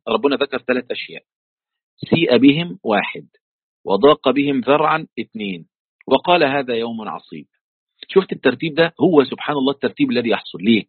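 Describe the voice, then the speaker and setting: A man's voice: medium pitch, breathy edge, no echo. A man with an Egyptian accent who teaches a religious text online. He explains it in everyday colloquial speech, with examples from daily life. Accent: Egyptian Arabic. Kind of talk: online tafsir lesson. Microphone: computer call mic. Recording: tinny online call audio.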